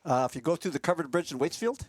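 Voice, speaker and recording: An older retired game warden tells salty, easygoing stories from the old days. His voice sits a bit high and swings widely in pitch. The sound is dry and close. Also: lively intonation, quick pace, husky, dry recording. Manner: salty, laid-back storyteller. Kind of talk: casual storytelling.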